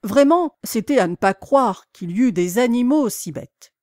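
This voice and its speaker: A woman reads a classic novel aloud as an audiobook, pacing the story with measured, dramatic storytelling. Her voice sits slightly high for a woman. The recording is dry and close, with no room sound. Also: animated, a little mellow, no room sound. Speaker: audiobook reader. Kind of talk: expressive audiobook narration.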